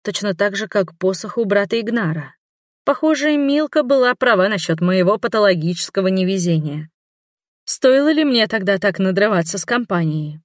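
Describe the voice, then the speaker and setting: A woman's voice: medium pitch, expressive, moderate pace, dry recording. Woman narrating an audiobook, dry sound. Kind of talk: first-person audiobook narration.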